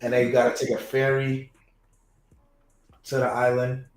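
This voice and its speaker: A man speaking as a guest in a casual chat, in a halting way with frequent fillers and restarts. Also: mid-range voice, completely flat delivery. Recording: echoey room.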